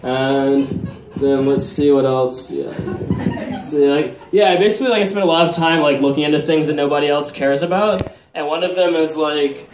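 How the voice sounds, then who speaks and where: A man doing a stand-up comedy set, talking in a halting, deadpan way full of "like" and "um" fillers. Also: a little high, slight background noise. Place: comedy venue. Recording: roomy live venue echo, faint ambience.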